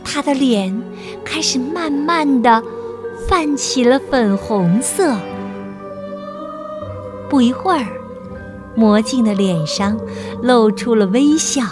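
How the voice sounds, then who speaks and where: A woman narrating a children's bedtime story in a gentle, high voice. She reads slowly and expressively. Clear music plays under her narration. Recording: narration over loud music.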